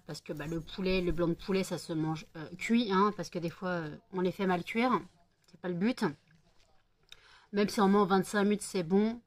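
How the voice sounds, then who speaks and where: A tired woman vlogger chatting casually and softly to camera, hesitant with many fillers. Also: medium pitch, no room sound. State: tired from lack of sleep. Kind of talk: casual late-night chat to camera.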